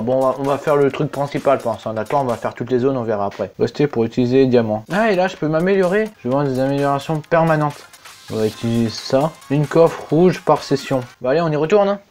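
A young man doing let's play commentary, excitable, yelping and swearing at the game as he plays. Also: medium pitch. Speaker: gaming YouTuber. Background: game music.

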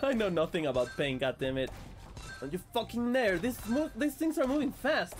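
A sick man streaming a video game, excitable and swearing as he plays. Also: high-pitched, moderate pace, soft background music. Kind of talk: casual gameplay commentary.

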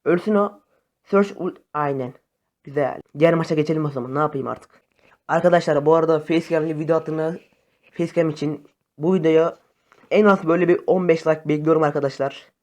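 A young man chatting casually to his viewers over phone gameplay, excitable and friendly. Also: a little high, brisk. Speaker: gaming YouTuber. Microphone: phone camera facecam.

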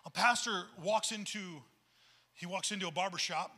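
Bright-voiced man preaching a sermon. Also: sits high, moderate pace. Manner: earnest, conversational preaching with repeated words. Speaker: pastor.

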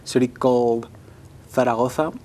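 A young man from Spain with a Spanish accent, a native Spanish speaker, giving brief, halting interview answers on a lapel mic. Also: mid-range voice, fairly even intonation, mellow. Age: young adult. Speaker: exchange student.

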